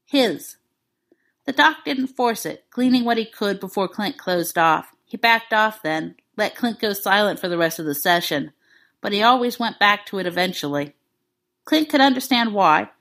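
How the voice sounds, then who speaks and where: A woman narrating fan fiction aloud in a calm, even storytelling manner. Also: mid-range voice.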